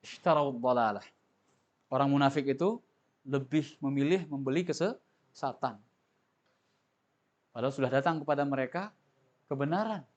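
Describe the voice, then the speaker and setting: A man's voice: mid-range voice, moderate pace, long pauses, a little mellow. A male teacher giving a tajwid lesson to a class, explaining patiently, asking questions and having students repeat after him. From Indonesia. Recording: dull lo-fi recording.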